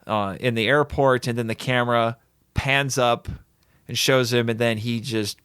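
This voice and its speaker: A man hosts a casual podcast chat, talking eagerly in quick bursts with the odd small laugh. His voice sits at an ordinary middle pitch. The recording is dry and close to the mic. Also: steady tone, a bit bright, clean tone, no room sound. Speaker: podcast host. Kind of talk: casual chat about films.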